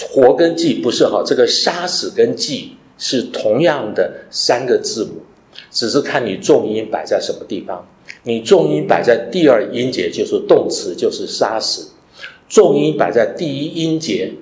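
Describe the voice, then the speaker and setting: A man's voice: mid-range voice, darkish tone, a little hiss or hum. A man preaching a sermon, teaching and asking his listeners rhetorical questions, mixing English phrases into his talk. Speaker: pastor. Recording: echoey room.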